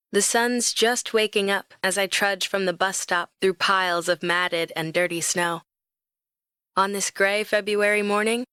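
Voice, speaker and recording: Brief: young woman, romance audiobook narrator, lively and expressive, close dry read. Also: mid-range voice, smooth, no room sound.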